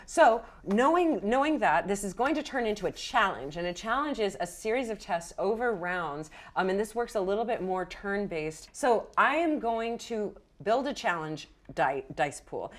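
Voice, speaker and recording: Running a tabletop roleplaying game, a medium-pitched woman narrates and lays out the rules as game master. She keeps it relaxed and makes it up as she goes.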